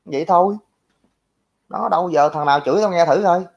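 A man's voice: high voice, a little fast, vocal fry. A young man with a Southern Vietnamese accent who rants in reply to viewer comments, brash, crude and mocking toward his critics. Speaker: livestream commentator. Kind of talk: ranting reaction to viewer comments. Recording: lo-fi, dull audio.

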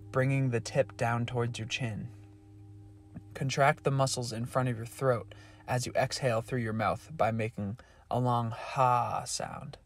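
A male breathing instructor with a mid-pitched voice leads exercises step by step. He speaks in a calm, measured way, as in a guided practice. Music with singing bowls plays clearly behind him.

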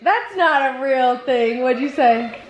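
A woman's voice: high voice, animated, slow pace. A young woman working as an au pair, chatting casually to her phone camera and cooing at children in a raised, bubbly voice. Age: young adult. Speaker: au pair vlogger. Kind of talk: casual vlog chat. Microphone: handheld phone. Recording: noisy phone recording.

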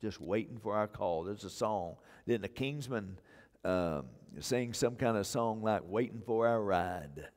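Unhurried and darkish in tone, an older pastor's lowish voice carries his sermon from the sanctuary stage indoors over a wireless mic. He presses his points with repeated phrases, and long church-hall reverb trails every word.

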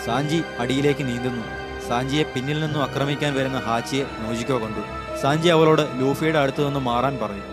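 A man narrating an anime episode recap as a scripted story, in a steady storytelling read on a close voice-over mic. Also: medium pitch, quick pace. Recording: voice-over with clear music behind.

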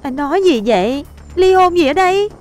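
Frantic stubborn young wife, high voice, stammers. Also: female voice, animated, fairly quick, soft background music. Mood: anxious. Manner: panicky, whiny, stammering.

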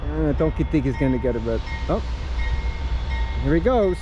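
A man talks casually from beside railroad tracks in a fairly high voice. It swings up and down as he cheers on a passing train. A loud train rumbles under everything he says. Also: lively intonation, moderate pace, highs cut off. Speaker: railfan videographer. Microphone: camera mic, speaker off screen. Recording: loud train noise outdoors.

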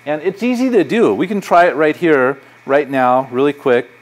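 This middle-aged man, a psychology professor, speaks on the high side at a moderate pace. He's giving a public lecture with audience questions in a university lecture hall, talking conversationally, sharing anecdotes, and gesturing a lot.

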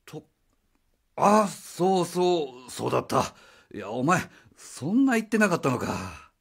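A voice actor in a radio drama plays a flustered, evasive, cheeky taxi-driving father, stammering and blustering in casual speech with a defensive, sarcastic mood. His voice is a little high and very animated, unhurried, with vocal fry, a breathy edge, and heavy acting.

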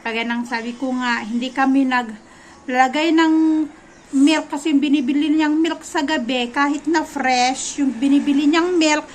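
A woman in her thirties, a mother vlogging casually from her home kitchen, chatty and soft-spoken. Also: high voice, slight background noise, rough recording. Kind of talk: casual home vlog chat.

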